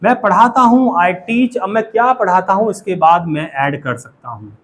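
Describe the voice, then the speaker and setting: A man with an Indian accent and a high-pitched voice teaches a spoken English class at a normal speed. He often quizzes the students and has them repeat after him.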